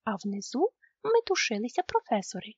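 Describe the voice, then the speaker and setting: Woman reading a kids' story, fairly high, husky, dry dull sound. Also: big pitch swings, moderate pace, dry recording.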